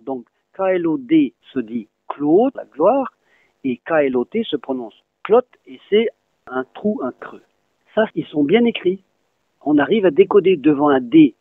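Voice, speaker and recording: A man with a gravelly, creaky voice that rises and falls a lot as he explains, spelling words out letter by letter. The sound is thin and phone-like, with a dry, close feel and no room echo. He talks like a patient teacher answering an interviewer. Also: a little high. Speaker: Breton language teacher.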